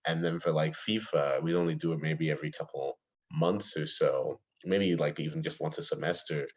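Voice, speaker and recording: Deep-voiced young man on a muffled call. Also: fairly even intonation, moderate pace. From Ohio, USA. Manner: eager storyteller, many fillers. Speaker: podcast guest. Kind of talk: casual interview chat. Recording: dull lo-fi call audio.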